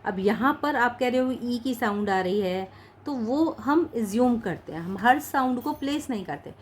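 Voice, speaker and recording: A woman teaching a shorthand lesson in Hindi mixed with English words. She speaks patiently, slowly says each practice word and repeats it. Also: a little high, expressive, slight background noise. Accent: Indian English words mixed into Hindi.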